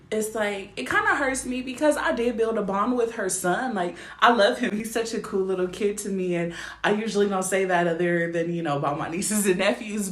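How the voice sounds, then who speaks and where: Blunt, profane young woman vlogging in a roomy space. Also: medium pitch. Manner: blunt, profane and emphatic, often asking the viewer to agree. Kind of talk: casual storytelling rant to camera. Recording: roomy echo.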